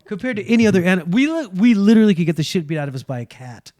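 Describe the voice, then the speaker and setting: Male comedy guest, slightly high voice, riffing casual podcast banter. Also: very animated, darkish tone, no echo, studio quality. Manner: joking, riffing, quick to laugh.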